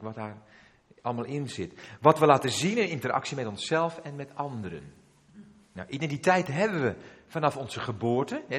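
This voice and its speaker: A man's voice: medium pitch, fairly bright tone. A middle-aged man preaching a sermon, telling a personal story emotionally with frequent restarts and asides. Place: church. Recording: long reverb of a church hall.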